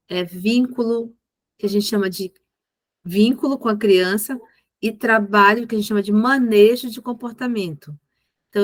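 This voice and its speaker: A woman's voice: a little high, no room sound. A woman, a mentor patiently explaining behavior management with examples. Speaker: ABA mentor.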